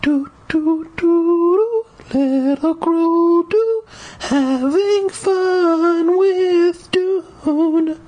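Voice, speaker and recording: A man voicing a young girl who coos a sing-song lullaby to a slimy creature in a high falsetto. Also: very slow, mellow, heavily acted. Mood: cooing.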